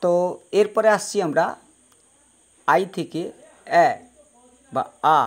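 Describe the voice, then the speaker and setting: A male teacher giving a pronunciation lesson, slowly spelling out words and patiently repeating each sound for his students. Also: fairly high pitch, husky. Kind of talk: spoken English pronunciation lesson.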